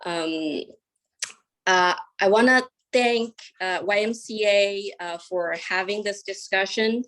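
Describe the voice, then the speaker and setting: A woman, introducing herself on a panel with many hesitant pauses. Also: mid-range voice, fairly bright tone. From China. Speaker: immigration attorney, panelist.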